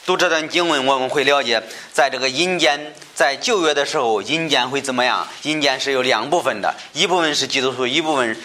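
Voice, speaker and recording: A man teaching a Bible study lesson. He talks haltingly, with many fillers and repeated phrases, and he asks rhetorical questions and answers them himself. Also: medium pitch, sharp tone, a little hiss or hum.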